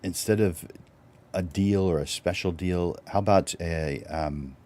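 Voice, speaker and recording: A low-voiced man hosts a live-stream teaching talk. He sounds relaxed and conversational, unhurried, with fillers and restarts.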